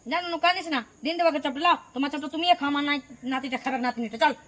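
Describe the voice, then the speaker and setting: A woman's voice: high-pitched, rapid-fire, fairly bright tone. A woman with a Purulia Bengali accent playing a grandmother who scolds her daughter-in-law in a village drama. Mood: scolding. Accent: Purulia Bengali dialect. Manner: scolding, indignant. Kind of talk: village home drama acting.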